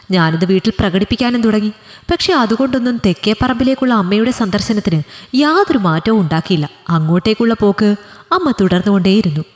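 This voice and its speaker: Young woman narrating a dramatic story. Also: mid-range voice. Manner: expressive, dramatic reading. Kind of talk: first-person story narration. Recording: long hall reverb.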